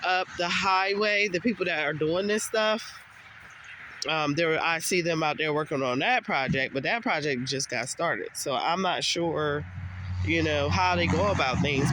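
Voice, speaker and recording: A woman's voice: low-pitched, normal speed, noisy background. A woman with a congested voice, talking casually to camera in a rambling, exasperated family vlog, outdoors. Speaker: family vlogger.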